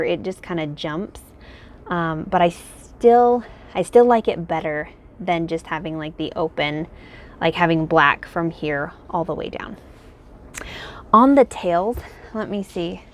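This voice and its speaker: A woman's voice: fairly low pitch, lively intonation, unhurried. A woman talking in a casual, rambling way, thinking aloud as she shows her crochet work. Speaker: crochet pattern designer. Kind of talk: casual chat. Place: home, indoors.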